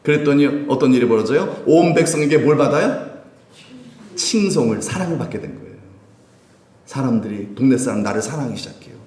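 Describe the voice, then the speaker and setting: Animated male pastor preaching in echoey church. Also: medium pitch, a little fast. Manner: animated preaching with call-and-response questions to the congregation. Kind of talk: sermon. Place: church sanctuary.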